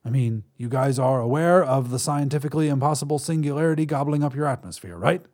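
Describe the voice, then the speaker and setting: A man voicing an impatient, fast-talking male alien who explains a rescue in a brisk, salesman-like way. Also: mid-range voice, a little mellow, lightly acted. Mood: brisk, explaining.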